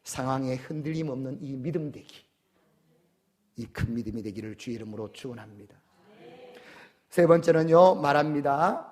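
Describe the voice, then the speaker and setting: A man's voice: medium pitch, lively intonation, moderate pace, long pauses, darkish tone. A man pastor preaching a sermon in an emphatic way, often putting questions to his congregation.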